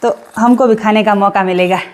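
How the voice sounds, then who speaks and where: A young woman vlogs on a phone camera outdoors around her hill village in Uttarakhand, India, chatty and cheerful and teasing her neighbours. Her medium-pitched voice has a darkish tone, fairly even intonation and a fairly quick pace.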